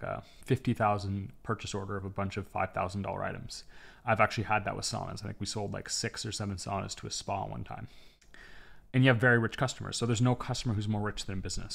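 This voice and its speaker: A young man from Canada with a Canadian accent explains business methods to camera in a dim indoor studio. His voice sits on the low side, upbeat and clear, with casual fillers between points. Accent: Canadian English. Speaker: e-commerce educator. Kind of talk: scripted tutorial to camera.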